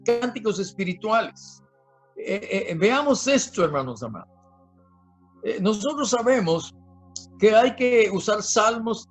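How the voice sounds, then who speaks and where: A man preaching a sermon in a slow, halting way, with many fillers and repeated words. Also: sits high, a bit bright. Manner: dictates words slowly for listeners to write down.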